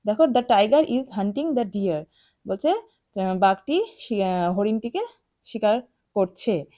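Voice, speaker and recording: A woman teacher explaining English words to young pupils, spelling them out and repeating them slowly. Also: on the high side, warm tone.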